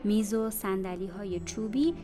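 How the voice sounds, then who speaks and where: Woman narrating an audiobook over faint music. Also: medium pitch. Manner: measured, literary reading. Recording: reverberant room with faint music.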